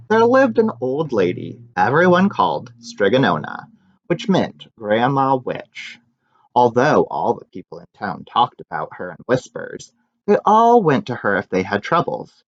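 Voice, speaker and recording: A man reads a children's picture book aloud at a measured pace, his voice sitting in the mid-range. His storytelling is expressive and sprinkled with casual asides, captured in a muffled room with noticeable echo.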